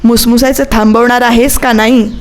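A woman's voice: a little high, flat delivery, normal speed, lightly acted. Arnav, a woman voicing a scolding young husband. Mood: angry scolding. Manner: scolding, sharp questions. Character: stern young husband, angry and protective. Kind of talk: audiobook story reading.

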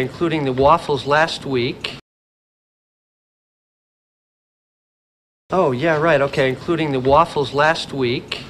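A man's voice: on the high side, fairly bright tone, slight background noise, close to an everyday voice. A man playing an easygoing teasing friend. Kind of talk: sitcom acting.

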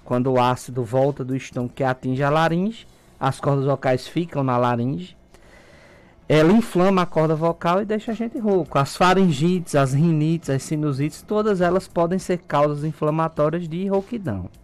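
As a radio studio guest, this middle-aged Brazilian ENT doctor explains matters step by step in a calm, teacherly manner, his Brazilian Portuguese accent clear. He speaks at normal speed with a fairly high pitch, wearing a face mask at the studio mic.

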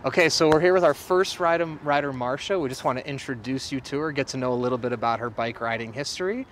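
A host who is also a company CEO presents on camera outdoors next to traffic, interviewing people in an upbeat style. His voice is medium-pitched and quick. Street noise comes through clearly in the outdoor recording.

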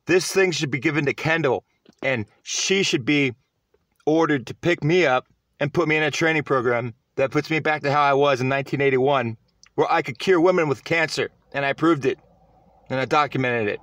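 A man's voice: fairly high pitch, moderate pace, fairly bright tone, no echo, studio quality. A man giving a self-recorded vlog monologue, earnest and rambling, often restarting his sentences. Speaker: vlogger.

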